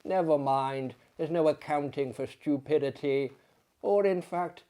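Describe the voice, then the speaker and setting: A man hosting a story reading series reads a classic tale dramatically, hammy and pompous with heavy emphasis. His voice is a little high and warm, and he goes a little slow.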